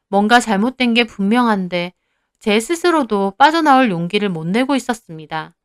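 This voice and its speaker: A woman's voice: a little high, clean tone, no room sound, studio quality. A young woman narrating her own story in the first person, in a plain confessional way.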